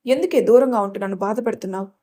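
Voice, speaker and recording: A woman's voice: mid-range voice, expressive, rapid-fire, warm tone, close to an everyday voice. A woman voicing a hot-tempered young man who scolds and snaps harshly. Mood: angry pleading.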